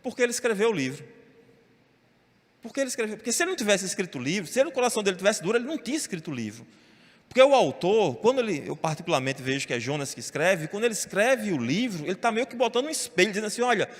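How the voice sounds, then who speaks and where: A man preaching a sermon as pastor, telling Bible stories in an animated way and acting out the characters' lines. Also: sits high, rapid-fire. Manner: animated storytelling, voicing biblical characters. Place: church sanctuary. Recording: long reverb of a church hall.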